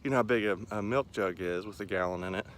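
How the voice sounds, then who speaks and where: Male, 40s, low voice, casual rambling vlogger pacing outside, with ambient noise behind him. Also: fast, a bit bright. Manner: rambling, self-deprecating, talking while pacing around. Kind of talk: casual running vlog chat to camera. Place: outdoors in a park by a lake. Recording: clear outdoor ambient noise.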